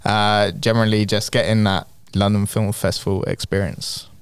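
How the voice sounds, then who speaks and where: A man with natural croaky vocal fry, chatting casually as a film critic guest on a podcast. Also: fairly low pitch, fairly even intonation, moderate pace. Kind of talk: casual chat.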